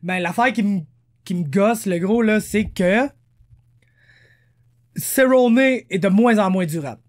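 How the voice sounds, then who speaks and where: A man with a Quebec French accent co-hosting a casual podcast, slangy and animated, dropping English words into his talk. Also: sits high. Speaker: podcast co-host.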